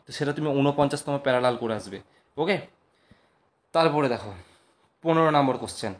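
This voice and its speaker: Male quiz tutor with a somewhat high voice, drilling answers over and over in a casual class. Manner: repetitive, drills points, self-correcting, addresses listeners as sir. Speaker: exam coaching teacher. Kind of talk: informal recorded lesson.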